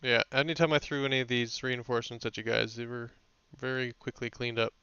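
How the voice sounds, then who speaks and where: Bright-voiced man on lo-fi voice chat. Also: medium pitch, little pitch movement, a little fast, clean tone, no room sound. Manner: laid-back, laughing, teasing. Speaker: game master. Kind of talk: casual voice-chat debrief. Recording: dull lo-fi voice chat.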